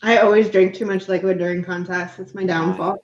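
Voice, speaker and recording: A woman competitive eater chatting casually during an eating contest, often clearing her throat. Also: fairly low pitch, fairly even intonation, brisk. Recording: echoey, muffled, noisy room sound.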